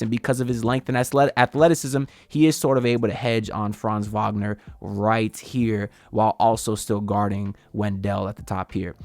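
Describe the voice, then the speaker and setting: A man breaking down basketball game film in a casual voice-over, getting more excited as the plays build. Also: fairly low pitch, dry recording.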